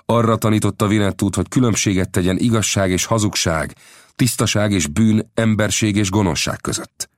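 A man voicing a proud young Apache chief in a storybook reading, speaking in a measured, formal and courteous way. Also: on the low side, no room sound, studio quality, voice pushed up, close to an everyday voice. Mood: dignified.

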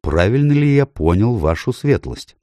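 Man doing a smooth, calculating courtier. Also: on the low side, sing-song, moderate pace, warm tone, no room sound, studio quality, voice pushed up. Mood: sly. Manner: smooth, persuasive.

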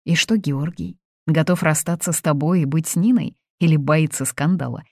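A woman's voice: deep voice, moderate pace, gravelly, dry recording, clean studio sound. A woman reading aloud, voicing a blunt, matter-of-fact young woman friend. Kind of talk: audiobook reading.

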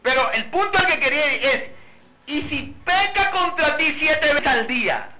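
Male pastor, sermon, high lively pitch, rhetorical questions, dull recording with faint noise. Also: a little slow. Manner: animated preaching, rhetorical questions to the congregation.

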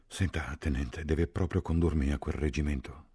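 A man's voice: very deep voice, steady tone, normal speed, mellow, slightly rough, heavily acted. A man voicing a resentful wounded soldier who grumbles and swears. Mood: grumbling.

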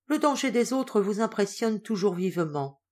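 An earnest, devoted lady pleads with her father, as a woman reader puts her on. Her voice moves widely in pitch. This is a storybook audiobook. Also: lively intonation, moderate pace, darkish tone, natural voice. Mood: gentle. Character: anxious loving adult daughter, a lady.

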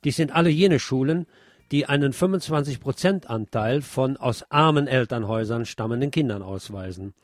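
A medium-pitched male voice presents radio news commentary from a script, deliberate and forceful, sprinkled with wry remarks. The studio sound is clean, without echo.

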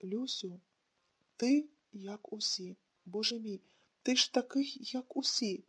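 A woman's voice: fairly high pitch, slow, breathy edge. A woman reading an audiobook, voicing a bitter, wounded young woman who speaks with sarcasm.

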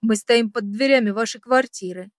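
A woman reading a composed man, an ex-husband who keeps his voice deliberately calm and soothing. The audiobook delivery is steady and dry. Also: a little high, no echo, lightly acted.

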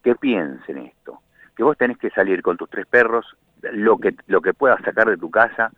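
Argentine guy ranting on a tinny phone line, lowish voice, lots of restarts. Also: normal speed, dry recording. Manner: impassioned, indignant, rambling with restarts. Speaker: radio correspondent. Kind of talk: phone-in radio commentary.

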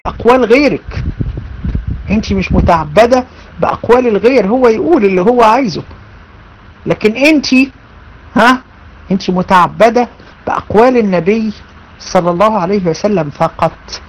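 A woman's voice: medium pitch, a little hiss or hum, low-quality recording. A woman with an Egyptian accent giving an online religious lesson, speaking emphatically, repeating her phrases and addressing her students directly. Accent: Egyptian Arabic. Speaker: religion teacher.

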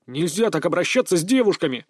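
A man's voice: a little high, sing-song, fast, darkish tone, slightly rough, dry recording, clean studio sound. A man doing an indignant, blurting schoolboy. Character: earnest teenage schoolboy trainee, self-righteous then flustered. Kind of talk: audiobook character voicing.

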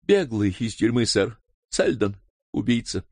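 A man's voice: fairly low pitch, sing-song, a little slow, no room sound, exaggerated voice. A man reading an audiobook voices a frightened middle-aged housekeeper woman who pleads emotionally. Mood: pleading.

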